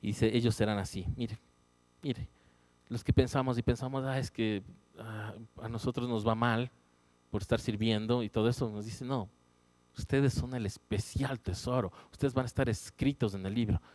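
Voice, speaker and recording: A man teaching a Bible study in a church, animated and conversational, often checking in with his listeners. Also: medium pitch, normal speed, no echo. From Ecuador. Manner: animated, rising emphatic exclamations; conversational, frequent "¿sí?" check-ins. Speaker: pastor.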